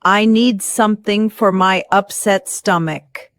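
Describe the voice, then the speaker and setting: Very slow woman reading example sentences. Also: medium pitch, fairly even intonation, dry recording, clean studio sound.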